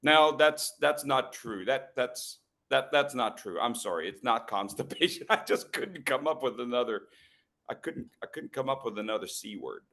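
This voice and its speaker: A middle-aged man running a comedy workshop with a lively, swooping voice at an ordinary pitch. He jokes with the crowd, drops quick asides, then slows down and pauses to land each point. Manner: playful, teasing the audience, quick asides. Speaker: educational speaker at a club meeting. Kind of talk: humorous presentation to a live group.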